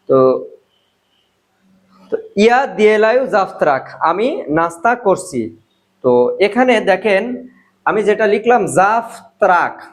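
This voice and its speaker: A man teaching an online language lesson, slowly repeating key phrases and asking and answering his own questions. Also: high-pitched. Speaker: online Russian language tutor.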